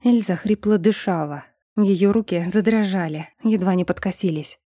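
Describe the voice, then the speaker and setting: Woman, audiobook narrator, measured storytelling, mellow voice, dry sound. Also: mid-range voice, no room sound. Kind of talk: scripted narration.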